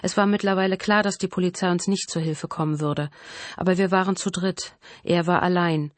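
A woman's voice: fairly low pitch, steady tone, no room sound. Woman narrating a thriller audiobook. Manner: measured, dramatic storytelling. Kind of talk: first-person scripted narration.

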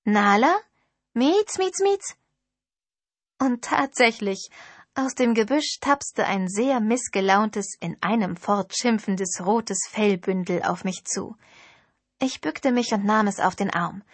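A woman narrating a first-person novel in an expressive storytelling way. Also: mid-range voice, slow pace, breathy edge, dry recording. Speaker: audiobook narrator.

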